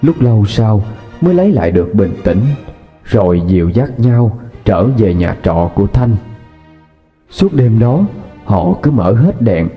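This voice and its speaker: A man narrating a horror story in a steady, even storytelling voice. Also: lowish voice, unhurried. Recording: dull lo-fi with faint music.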